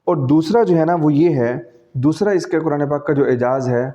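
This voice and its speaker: A man's voice: a little high, dark tone. A male teacher with a Pakistani accent gives a conversational, classroom-style lecture, explaining patiently and often checking that students follow. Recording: dull lo-fi recording.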